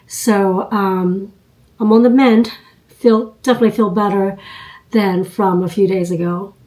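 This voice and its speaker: Speaking to camera in a mid-range, darkish voice with fairly even intonation, a woman in her fifties shares her routine with viewers. She is a beauty vlogger getting over a cold, so she sounds congested and nasal, and she talks at an easy pace with frequent ums and you knows. The recording is rough.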